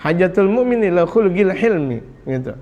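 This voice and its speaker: Lively high-voiced preacher. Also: male voice, normal speed, muffled recording. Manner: lively, jokes and acts out scolding parents. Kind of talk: sermon.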